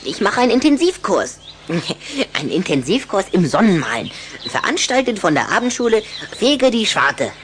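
A woman's voice: medium pitch, very animated, normal speed, fairly bright tone, a little hiss or hum. A woman playing a boastful, touchy little boy vampire in a children's audio drama, with a mocking, giggly manner. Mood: brash, cheeky.

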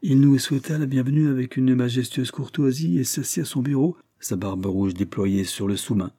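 A man narrating a classic detective story in a measured, literary audiobook reading. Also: mid-range voice, dark tone, husky, no echo. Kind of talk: scripted narration.

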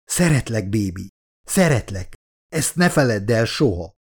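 A man voicing a dying young man who speaks weakly and quietly in a rasping voice in an audiobook. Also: lowish voice, big pitch swings, heavily acted.

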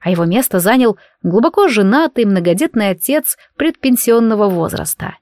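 A woman narrating a first-person audiobook with a lively, expressive reading. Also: medium pitch, normal speed, dry recording, clean studio sound.

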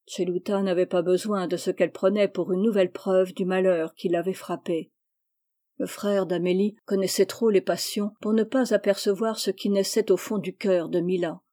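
A woman reading a classic novel aloud in a measured, unhurried way. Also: medium pitch, warm tone. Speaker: audiobook reader. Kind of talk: scripted literary narration.

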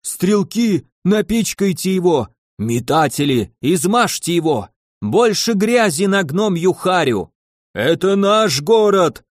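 A man voicing a panicky, rowdy male undead mob leader who yells in a shrill voice. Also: sing-song, slow pace, no echo, clean studio sound, exaggerated voice. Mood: rallying. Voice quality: shrill, yelling.

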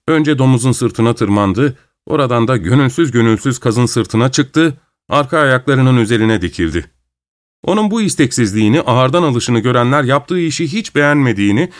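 A man reading a story aloud as an audiobook narrator, in calm, measured storytelling. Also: medium pitch, smooth.

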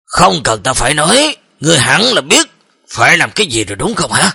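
A man voicing a cold, stern male sect leader who scolds and shouts orders. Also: a little high, sing-song, a little fast, gravelly, husky, dry recording, clean studio sound, full character voice.

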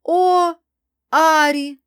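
A woman reading an audiobook voices a lively young female mage friend who talks high, loud and teasing. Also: very slow, dry recording, studio quality, exaggerated voice. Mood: delighted.

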